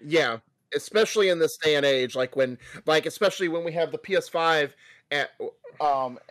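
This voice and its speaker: A man in his thirties talks gaming news over a video call from home. His voice sits a little high for a man. He argues his point with energy and keeps restarting his sentences, with plenty of fillers along the way. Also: normal speed. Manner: animated, opinionated, frequent restarts and fillers. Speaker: co-host. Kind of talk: casual gaming news chat. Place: home room.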